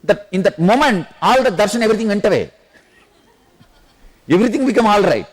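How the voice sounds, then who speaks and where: A man with a South Indian accent gives a spiritual discourse, recounting a personal story. His voice sits fairly high for a man. He phrases slowly and deliberately and breaks into laughter now and then. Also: animated. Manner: laughs while telling stories, slow deliberate phrasing. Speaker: spiritual teacher.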